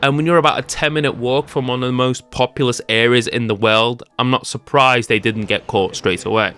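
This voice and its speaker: A man's voice: medium pitch, fairly even intonation, fairly quick, pushed and bright, smooth. A young man narrating a scripted tech-comedy video with jokey, sarcastic asides. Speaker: YouTube creator.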